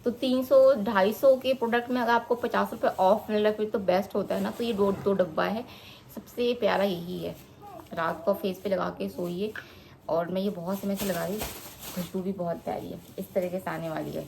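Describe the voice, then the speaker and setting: A chatty woman vlogger shows off her beauty products in a relaxed, conversational way. She talks directly to her viewers at an average pitch, with faint noise in the background. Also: creaky. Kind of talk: casual product show-and-tell vlog.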